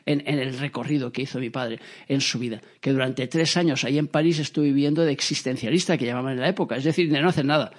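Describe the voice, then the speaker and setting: A man talks super fast about his dad, voice slightly on the high side. He animates the story by acting out quotes in little voices, and restarts come up frequently.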